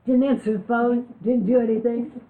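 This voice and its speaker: A woman's voice: on the high side, little pitch movement, moderate pace. A woman giving a talk on living with chronic illness, telling candid personal stories with jokes. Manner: candid, joking storyteller. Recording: lo-fi, phone-like recording.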